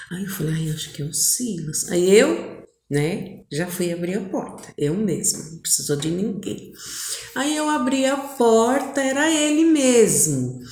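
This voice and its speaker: A middle-aged woman with a Brazilian Portuguese accent recounts a memory in a relaxed, rambling way, dropping fillers as she goes. Her voice sits at an ordinary pitch. The room around her rings with a roomy echo. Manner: chatty, meandering, full of fillers. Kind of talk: personal storytelling.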